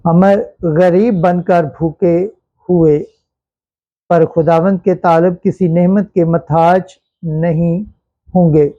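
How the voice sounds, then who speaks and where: A man giving a slow, solemn liturgical Bible reading as a scripture reader, with measured recitation. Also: on the high side, steady tone, mellow, dull audio.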